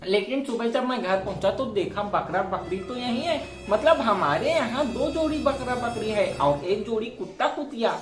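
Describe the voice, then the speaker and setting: A woman's voice: on the high side, animated, moderate pace, few pauses, pitched above the performer's own voice, lightly acted. A woman acting a boastful, scheming husband and father in a comedy sketch, speaking in rhyming comic boasts. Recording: roomy room with background music.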